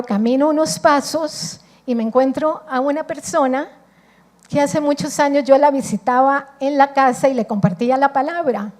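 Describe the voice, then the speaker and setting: A woman's voice: high-pitched, a little mellow. A woman from Costa Rica with a Costa Rican accent, preaching a sermon with emphatic repetition. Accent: Costa Rican Spanish. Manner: emphatic, repeats phrases for effect.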